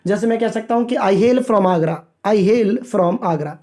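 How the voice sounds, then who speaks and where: A man teaching English vocabulary from a newspaper, reading phrases slowly and explaining each in Hindi, repeating himself and addressing viewers as friends. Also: high voice, darkish tone. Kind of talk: line-by-line newspaper vocabulary lesson.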